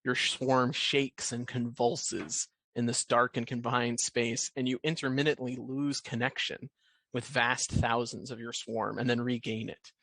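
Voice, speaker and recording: A man narrating a tabletop game as game master, setting scenes in a measured, descriptive way. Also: medium pitch, flat delivery, bright, forceful tone, rough recording.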